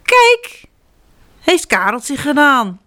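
A woman voicing a proud little boy elephant who shows off in a squeaky voice. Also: huge pitch swings, drawn-out words, pushed and bright, exaggerated voice. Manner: squeaky, boastful.

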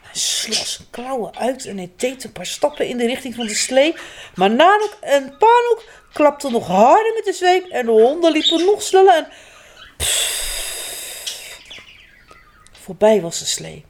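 A woman reading a children's story aloud in a gentle, expressive way. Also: sits high, a little slow, slight background noise.

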